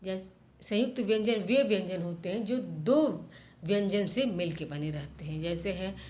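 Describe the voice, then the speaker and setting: A woman's voice: medium pitch, moderate pace, a little mellow. A woman teacher giving a grammar lesson to children, spelling out letter sounds one at a time in a patient, explanatory way. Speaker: school teacher.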